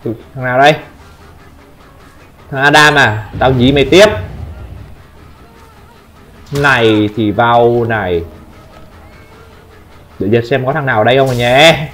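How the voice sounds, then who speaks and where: A Vietnamese-accented man commenting on his own gameplay, taunting opponents and breaking into excited shouts. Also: medium pitch, fairly quick, pauses often, soft background music. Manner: trash-talking, taunting, sudden excited shouts. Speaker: gameplay streamer.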